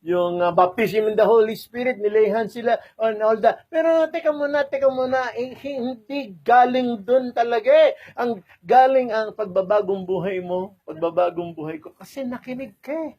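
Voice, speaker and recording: A man's voice: extremely high pitch, moderate pace, darkish tone. Filipino man, lay preacher, sermon with hallelujahs, dull lo-fi recording. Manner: mixes Tagalog and English, asks listeners to agree, calls out hallelujah.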